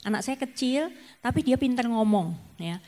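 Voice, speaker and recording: A woman's voice: on the high side, animated, moderate pace, mellow. Chatty middle-aged woman giving testimony. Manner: conversational, heavy with fillers and tag phrases. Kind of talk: personal testimony in a casual talk.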